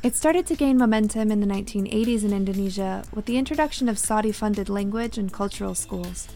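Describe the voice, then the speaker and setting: A woman's voice: mid-range voice, fairly quick, warm tone. A woman podcast host reading scripted news narration. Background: faint music.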